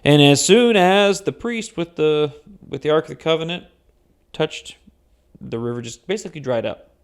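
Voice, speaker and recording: A man's voice: fairly high pitch, normal speed, clear, resonant tone. Chatty man hosting a podcast. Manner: laughs often, restarts and repeats words. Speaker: podcast host. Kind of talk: casual chat about a Bible story.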